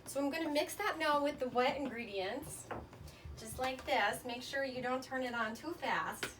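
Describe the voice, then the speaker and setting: A woman's voice: sits high, moderate pace. A woman hosting a casual home cooking demonstration, chatty and folksy in a playfully self-deprecating way. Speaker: home cooking show host. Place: home kitchen, indoors. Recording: noisy home kitchen recording.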